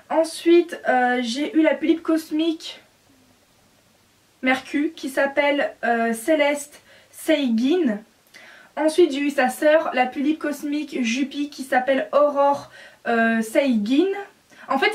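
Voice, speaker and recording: A woman's voice: high voice, a little mellow. A woman from France chatting casually in a vlog about her doll collection, rambling with frequent hesitations and apologies.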